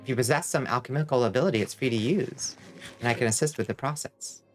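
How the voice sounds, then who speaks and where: A man's voice: medium pitch, fast, lightly acted. A man plays a helpful video game alchemist, presenting wares in formal, instructive sales talk. Faint music runs underneath. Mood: welcoming. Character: helpful fantasy alchemist shopkeeper explaining potions and wares. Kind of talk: fantasy video game character read aloud.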